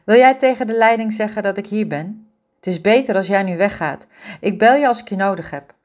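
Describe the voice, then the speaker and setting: A woman voices a young female caregiver anxious about her grandmother, speaking quickly and with concern. Her voice is mid-range and a little mellow but pushed up, and the acting is light.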